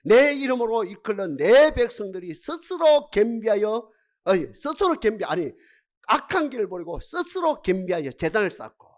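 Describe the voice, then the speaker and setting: A man's voice: high voice, very animated, moderate pace. A man preaching a sermon as pastor in a church, with repetitive, rhythmic refrains and emphatic delivery. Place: church sanctuary.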